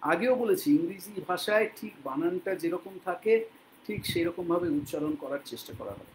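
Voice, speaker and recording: A man from Bengal teaching English to learners, speaking patiently and repeating words slowly so they can copy them. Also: high-pitched, a little hiss or hum, poor audio. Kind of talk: spoken English lesson in Bengali.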